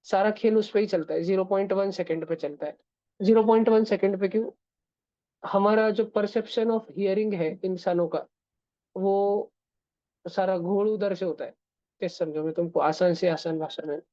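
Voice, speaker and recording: A woman's voice: mid-range voice, steady tone, a little slow, dark tone, no room sound, lo-fi sound. A woman teaching physics in a casual classroom style that has in it. She keeps checking that her students are following. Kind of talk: classroom lecture.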